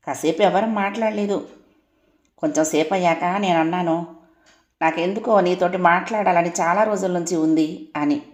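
A woman narrating a story in the first person at a steady, unhurried pace. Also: lowish voice. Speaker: audiobook narrator. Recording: roomy echo.

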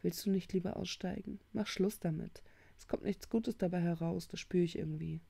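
A woman's voice: lowish voice, fairly even intonation, moderate pace, vocal fry, dark tone, slightly rough. A woman voicing a worried teenage boy who talks urgently and insistently in a storybook reading. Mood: pleading.

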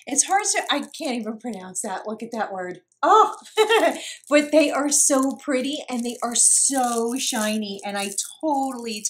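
A woman from New York chatting casually as she unboxes craft mail, gushing and laughing often. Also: on the high side. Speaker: craft vlogger.

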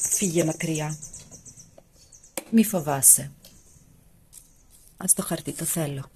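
A woman vlogger with a sore throat from a cold, speaking softly and coaxingly to timid animals in a garden, between casual narration. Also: sits low, a little hiss or hum, poor audio. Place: outdoors in a garden.

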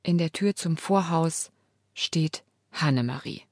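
A woman's voice: low voice, slow pace, a little mellow, no echo. Woman audiobook narrator, emotional dramatic read, dry close mic. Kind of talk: first-person audiobook narration.

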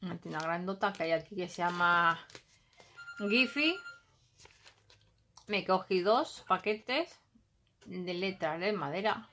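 A woman's voice: fairly low pitch, slow pace, pauses often, sharp tone, a little hiss or hum. Chatty Spanish woman showing her craft haul. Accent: Basque Country Spanish. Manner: chatty, thinks aloud, hums filler sounds while unpacking. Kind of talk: casual haul commentary. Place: home, at a table.

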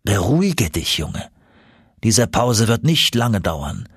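Man playing a chill old professor uncle, low and slow, totally unbothered, audiobook. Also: sing-song, slightly rough, no echo, studio quality, heavily acted. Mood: calm. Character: calm older professor uncle, serenely confident.

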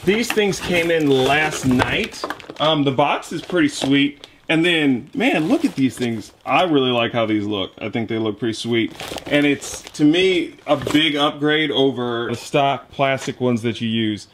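A garage mechanic host in his thirties casually narrates an engine rebuild step by step in his home garage, his voice caught by the camera mic as he works. His medium-pitched voice is animated, unhurried, and a bit bright, with slight background noise.

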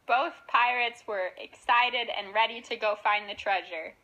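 A woman telling a cartoon story in a simple, earnest manner. Her voice is clear and bright, pitched somewhat high. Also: unhurried, lo-fi sound. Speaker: narrator. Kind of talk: storybook narration.

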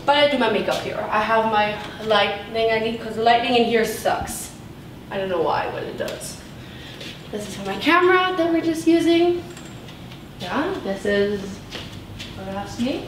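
A young vlogger with a slightly high, expressive voice speaks a little slowly while touring her large tiled bedroom and bathroom on a handheld camera. She's bubbly and rambles casually, using lots of "like" and "so cool", in an echoey room with background noise.

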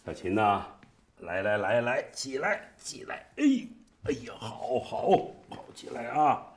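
A man's voice: mid-range voice, lively intonation, measured pace, natural voice. An older actor playing a kindly old man who coaxes and fusses over a sick young woman in a TV drama. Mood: soothing. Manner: coaxing, fussing, repeats himself. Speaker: elderly caretaker. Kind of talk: TV drama acting.

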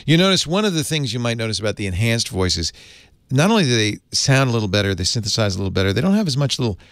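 Lively, chatty man teaching computer tips. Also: medium pitch, fast talker, no echo. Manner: chatty, chuckles often, easygoing explaining. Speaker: host. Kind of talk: casual tech tutorial.

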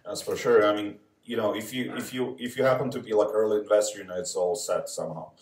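A man speaking as a panelist, halting and full of fillers. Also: fairly low pitch, fairly even intonation. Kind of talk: live panel talk. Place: coworking space event room. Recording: echoey room from far off.

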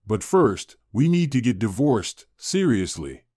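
A man's voice: medium pitch, very animated, measured pace, mellow, no echo, clean studio sound. A man reading the part of a bold young woman who speaks in a demanding, petulant way.

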